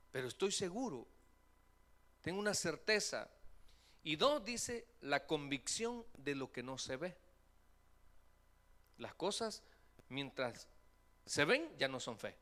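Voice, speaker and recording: A man's voice: a little high, takes it slowly, long pauses. A man, preaching a sermon as pastor in a church, acting out voices and joking with the congregation. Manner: animated, acts out quoted voices, jokes with congregation. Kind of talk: lively sermon. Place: church sanctuary.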